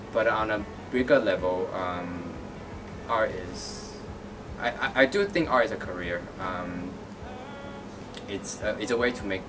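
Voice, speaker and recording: A Taiwanese artist and art teacher answers interview questions thoughtfully in a gallery, with many fillers and restarts. His voice is deep, and the recording is very noisy, captured on a distant mic with music underneath.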